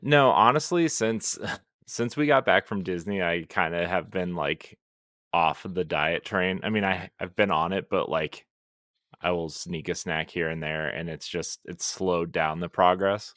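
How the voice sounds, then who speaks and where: A man co-hosting a casual podcast chat, laid-back and low-key. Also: a little slow, a bit bright, dry recording, clean studio sound. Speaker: podcast co-host.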